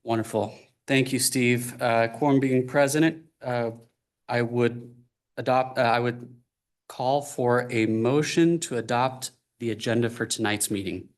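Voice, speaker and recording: Man chairing a meeting, halting. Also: medium pitch. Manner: halting, many fillers. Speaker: commission chair.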